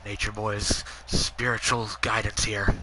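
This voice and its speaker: A man's voice: lowish voice, level tone, a little slow, bright, forceful tone, slight background noise, low-quality recording. A man co-commentating over a wrestling video game with short, wry quips. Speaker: gaming co-commentator. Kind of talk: casual chat over gameplay.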